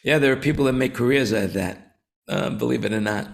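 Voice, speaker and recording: A man's voice: medium pitch, quick pace, creaky. Older male host in his 70s, casual and rambling, lots of restarts. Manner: rambling, repeats words, many fillers. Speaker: show host, company founder. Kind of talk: casual roundtable chat.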